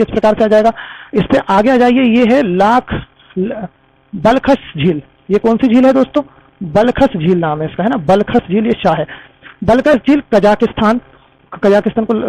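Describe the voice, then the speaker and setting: A man's voice: sits high, darkish tone, poor audio. A man teaching an exam-prep lesson, repeating memory tricks and calling his viewers friends. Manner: repetitive, addresses viewers as friends.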